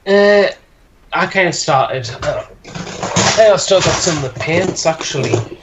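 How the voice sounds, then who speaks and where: A man's voice: fairly high pitch, lively intonation, a little slow, noisy background. A man chatting casually, filling his talk with "like". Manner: chatty, lots of "like" fillers. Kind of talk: casual chat.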